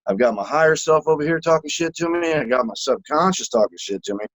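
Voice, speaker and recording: A man's voice: fairly high pitch, lively intonation, quick pace, dry recording, rough recording. A man co-hosting a casual podcast, telling stories animatedly, acting out voices and swearing freely. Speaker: podcast co-host.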